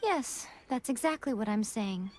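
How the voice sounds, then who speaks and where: Yae Miko, sly composed shrine priestess. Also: female voice, a little high, lively intonation, a little mellow, slight background noise. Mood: grave, assured. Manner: teasing, measured, knowing. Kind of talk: video game cutscene voice acting. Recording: music under the voice.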